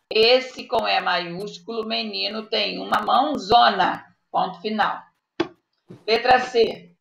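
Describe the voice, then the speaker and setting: Over a video call, a woman with a Brazilian Portuguese accent teaches young children live, dictating with patience and checking in often as their primary school teacher. Her voice is highish, creaky and a bit bright. The audio is echoey and muffled, with slight background noise.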